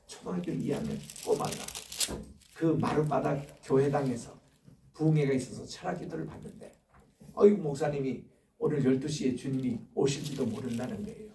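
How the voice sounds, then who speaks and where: An older man preaching a sermon, telling personal stories with swings from hushed to loud. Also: medium pitch, fairly quick, vocal fry, a little hiss or hum. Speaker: pastor. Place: church sanctuary. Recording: echoey church room from far off.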